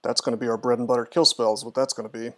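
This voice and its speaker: A man delivers rapid-fire gameplay commentary on his live stream, talking through his moves and responding to chat. His mid-range voice is bright and forceful, though his delivery stays flat.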